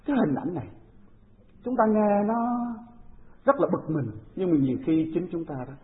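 A woman, preaching a sermon in an animated storytelling way and asking the congregation questions. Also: lowish voice, normal speed. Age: 40s. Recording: tinny phone-like recording.

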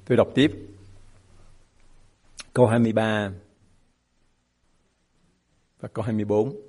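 A man's voice: on the low side, level tone, unhurried, darkish tone, breathy edge. A man preaching a sermon as a pastor, emphatic and asking his congregation rhetorical questions.

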